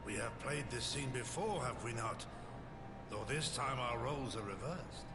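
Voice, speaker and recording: An actor playing a loyal, grave older samurai retainer in a game, gravelly and formal in an archaic way. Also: male voice, medium pitch, moderate pace, lightly acted. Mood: solemn. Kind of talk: dramatic game cutscene acting. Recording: game audio with clear background noise.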